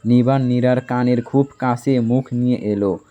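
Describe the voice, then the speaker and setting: A man narrating a dramatic romance story in an even, measured storytelling manner. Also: mid-range voice, muffled recording.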